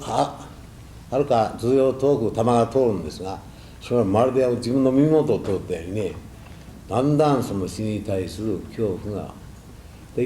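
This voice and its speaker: An older man giving a reflective, halting temple talk drawn from his own memories, with folksy asides. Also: lowish voice, dark tone. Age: 60s or older. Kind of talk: sermon with personal war recollections. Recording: echoey room, faint background noise.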